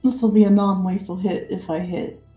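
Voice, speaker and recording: A woman's voice: mid-range voice, fairly even intonation, moderate pace, dark tone, muffled recording, faint music behind. Woman declaring moves at a tabletop game. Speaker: player. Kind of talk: casual tabletop game chat. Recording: echoey room.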